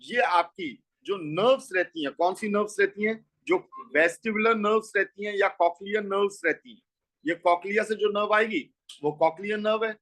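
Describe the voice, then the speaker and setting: In this low-quality recording, a man with a high, fairly bright voice delivers a biology class lecture at school. He works through the material step by step and asks questions only to answer them himself.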